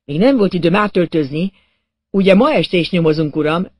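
Casting: male narrator doing a dutiful, keen servant, raised and bright, audiobook. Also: high voice, expressive, no echo. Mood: eager. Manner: polite, eager, ends lines with "sir".

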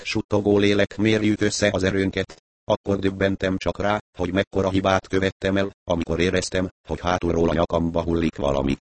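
A man reading a first-person mystery story aloud, in measured storytelling narration. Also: low-pitched, darkish tone, no room sound. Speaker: audiobook narrator.

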